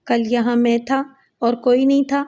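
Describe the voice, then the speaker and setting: A woman's voice: a little high, level tone, warm tone, close to an everyday voice. A woman voicing an anxious young man who courts a strange cousin, in a nervous, pleading manner. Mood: uneasy.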